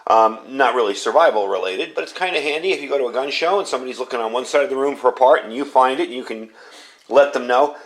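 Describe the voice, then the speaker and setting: This fast-talking reviewer has a mid-range voice with a fairly bright tone. Hosting his channel's casual hands-on product review, he keeps things folksy and plain-spoken, saying things twice for emphasis.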